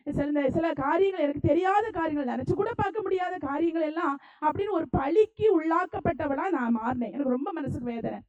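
A woman's voice: sits high, a little fast, darkish tone, highs cut off. A woman preacher from Tamil Nadu with a Tamil Nadu accent, delivering a fervent sermon and repeating phrases for emphasis.

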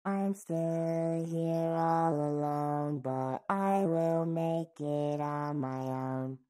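A man singing slow, drawn-out phrases in a vocal take that is auto-tuned and formant-shifted. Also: fairly high pitch, warm tone, faint music behind.

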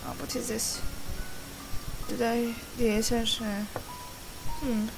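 A woman's voice: fairly high pitch, level tone, takes it slowly, gravelly, rough recording. A young woman doing casual gameplay commentary in a rambling, sweary, self-deprecating way. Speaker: gaming video host. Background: game music.

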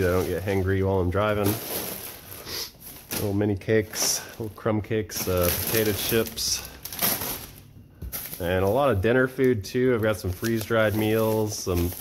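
A man in his thirties casually walking through his camping kitchen gear at home, chatty and relaxed with frequent fillers. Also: lowish voice, background noise. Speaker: vlogger showing camping gear. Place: cluttered home storage room and kitchen, indoors.

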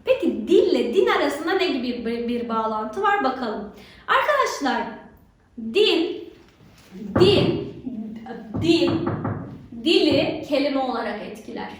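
A woman teacher with a very high voice talks children through a lesson, constantly checking in with rhetorical questions. She is recorded in a strongly echoing room, and her voice sits well away from the microphone. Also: big pitch swings, unhurried, pauses often. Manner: keeps asking rhetorical questions to draw pupils in. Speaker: religion teacher. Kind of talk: recorded remote lesson for schoolchildren. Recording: very echoey room, voice far from mic.

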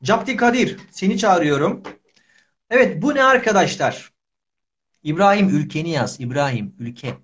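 High-voiced man teaching on a livestream. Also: animated, normal speed, a bit bright. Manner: simple short phrases, repeated for learners. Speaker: Turkish teacher and live host. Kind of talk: casual livestream language lesson. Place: small indoor room. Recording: dull lo-fi livestream audio.

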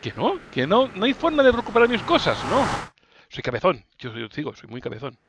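A man from Spain, doing let's play commentary, muttering in frustration and bursting into yells. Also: high-pitched, huge pitch swings, a little fast, noisy background. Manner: exasperated, muttering to himself, bursts of yelling. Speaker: gaming YouTuber. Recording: loud game music behind voice. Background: loud game music.

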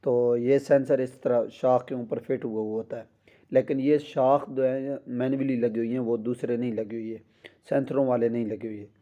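A man's voice: medium pitch, steady tone, normal speed, phone-quality sound. A man working as a car mechanic, walking through a repair step by step with small restarts, recorded on a phone in a garage. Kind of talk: hands-on repair tutorial.

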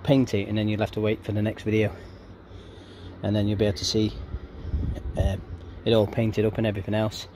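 Out in a back garden, a DIY vlogger talks loosely and ramblingly while holding his own camera or phone. He speaks fairly quickly in a lowish, dark voice with little pitch movement. Outdoor ambient noise and handheld camera sound come through.

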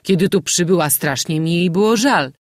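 A man's voice: high-pitched, moderate pace, no room sound, clean studio sound, pitched above the performer's own voice, close to an everyday voice. A man voicing a talkative, blunt innkeeper woman with a gossipy, emphatic way of speaking.

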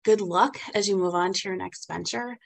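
A biology teacher in her forties records a lively message on her webcam. She is playful and a little self-mocking, and she speaks alone in a quiet classroom. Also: mid-range voice, normal speed, gravelly. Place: empty classroom.

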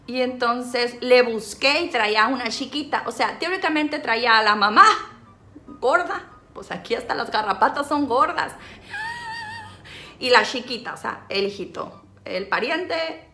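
A woman's voice: on the high side, lively intonation, unhurried, pushed and bright, soft background music. A woman, telling a comic story to camera in a dramatic, self-mocking way. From Sinaloa, Mexico. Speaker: vlogger.

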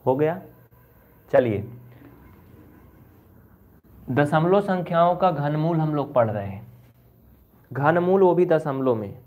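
A man's voice: fairly high pitch, expressive, slow, long pauses. A man gives a chatty online maths lesson. He scolds his students a little and goes over each step again. The sound is thin and phone-like. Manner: chatty, scolding and repeating steps. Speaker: maths teacher.

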